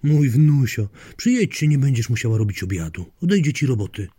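A man's voice: fairly low pitch, expressive, normal speed, warm tone, breathy edge, dry recording. A man voicing a grumpy, cursing grandmother in an audiobook story, snapping and muttering. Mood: coaxing. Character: grumpy foul-mouthed grandmother obsessed with a mole.

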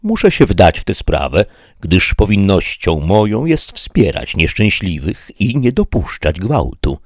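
A man's voice: deep voice, sing-song, a little slow, dry recording, clean studio sound, voice pushed up, heavily acted. A man voicing an idealistic, courteous middle-aged knight in a formal, declamatory way. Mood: lofty.

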